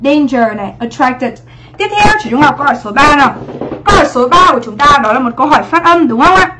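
High-voiced woman teaching a livestream lesson. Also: expressive, fast talker, heavy background noise. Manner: chatty, checks in often with "đúng không ạ". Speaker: English teacher. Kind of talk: livestream exam review lesson.

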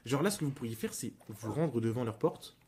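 A man's voice: mid-range voice, lively intonation, a little fast, darkish tone. A man improvising a game role-play in conversation, politely and wordily explaining with some hesitation. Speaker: player acting as a police officer in a game role-play. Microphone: online game voice chat. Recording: clearly noisy voice chat with clicks.

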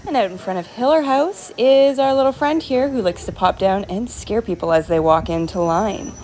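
A woman's voice: medium pitch, normal speed, a little mellow. A woman talks in a chatty, upbeat vlog manner into a phone held at arm's length. She is outdoors at night, with faint music somewhere behind her. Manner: chatty, upbeat selfie commentary. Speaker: real estate vlogger. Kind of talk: casual vlog tour. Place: outdoors at night at a farm attraction.

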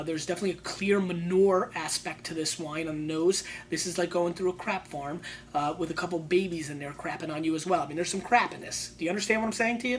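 A woman hosting a wine show, giving sommelier-style tasting notes in a colloquial, emphatic way and repeating phrases for emphasis. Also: lowish voice.

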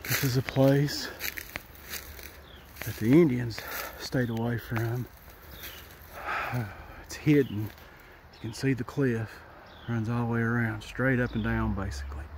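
A man's voice: medium pitch, fairly even intonation, unhurried. An older man, a little out of breath, telling a rambling folksy story while hiking through the woods. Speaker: outdoor storytelling vlogger. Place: outdoors in woods by water. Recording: noisy outdoor ambience.

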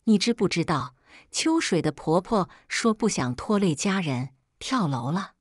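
A woman's voice: fairly low pitch, sing-song, measured pace, no echo, studio quality. A woman voicing an older father, normally good-tempered, now furious and shaking. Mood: shaken. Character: angry, long-patient older father.

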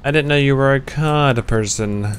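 A man's voice: medium pitch, normal speed, a little hiss or hum. A young man streaming a game live, chatting loosely with his viewers and swearing often. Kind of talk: live gameplay commentary.

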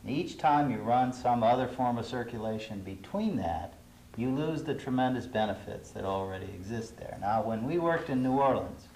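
A middle-aged man, an urban planner, speaking in a measured, thoughtful way with some hesitations on a studio panel. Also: fairly low pitch, a little mellow. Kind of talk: panel discussion. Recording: roomy studio with faint hiss.

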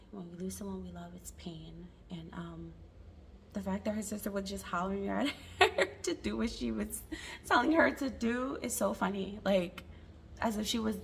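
Creaky-voiced woman with a sore throat. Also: mid-range voice, a little hiss or hum. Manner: soft, drifting into whispers. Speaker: reaction vlogger. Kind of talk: late-night reaction chat.

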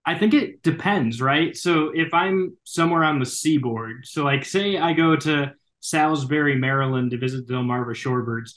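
A man's voice: on the high side, moderate pace, few pauses, fairly bright tone. Chatty man, baseball broadcaster guest. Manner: chatty, many fillers and restarts. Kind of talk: casual interview chat.

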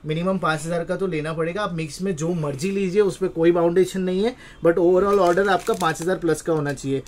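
Indian man giving an emphatic sales pitch. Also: fast talker, darkish tone. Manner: repetitive, emphatic selling patter.

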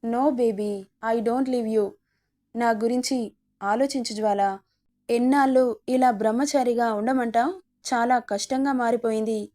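A woman's voice: on the high side, fairly even intonation, unhurried, long pauses, warm tone, close to an everyday voice. A woman voicing a possessive, teasing young male rowdy in an audio story, with a bossy, teasing manner.

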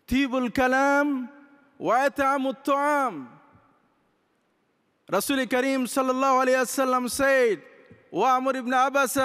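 High-voiced imam in a big hall. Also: male voice, fairly bright tone, clean tone. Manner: impassioned, gesturing with both hands; mixes Arabic recitation into English. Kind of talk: convention speech. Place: large convention hall stage. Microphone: podium microphones. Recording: long reverb of a big hall.

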